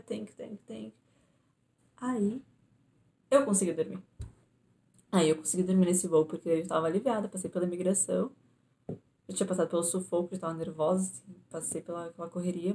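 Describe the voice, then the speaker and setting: Mellow-voiced young Brazilian woman vlogging. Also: fairly low pitch, a little hiss or hum. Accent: southern Brazilian Portuguese. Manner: animated retelling, acts out her own panicked pleas. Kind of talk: casual storytelling to camera. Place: indoors at home.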